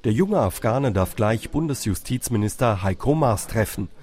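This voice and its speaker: A male reporter reading a scripted news report voice-over in an even, measured way. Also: fairly low pitch.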